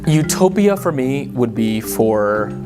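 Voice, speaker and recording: A man from the Dominican Republic, a community advocate, giving earnest and thoughtful interview answers in short, halting phrases. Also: mid-range voice, sing-song. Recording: guitar music playing underneath. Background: soft guitar music.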